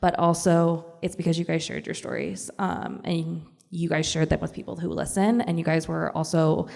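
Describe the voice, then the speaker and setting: Gravelly-voiced mother speaking with gratitude. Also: sits low, flat delivery, moderate pace, a little mellow. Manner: grateful, heartfelt, growing emphatic. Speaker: parent of affected children. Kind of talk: personal testimony in a group discussion. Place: conference room at a live event. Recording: long reverb of a conference hall.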